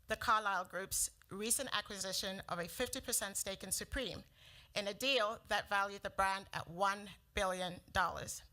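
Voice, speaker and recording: Delivering her rehearsed startup pitch, this middle-aged Sepedi-speaking woman from South Africa sounds bright and forceful. Her pacing stays measured and her manner earnest.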